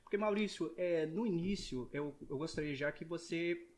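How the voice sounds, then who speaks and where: A man hosting a podcast with enthusiasm, turning to speak straight to the audience as he introduces the guest. His voice runs a touch high for a man. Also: moderate pace. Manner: enthusiastic, addresses the audience directly. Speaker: podcast host. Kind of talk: casual interview hosting.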